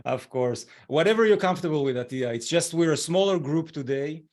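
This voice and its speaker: This webinar host, a man in his forties from Israel, talks briskly with an expressive voice on the high side. Over the video call he stays gentle and encouraging, filling his speech with frequent fillers.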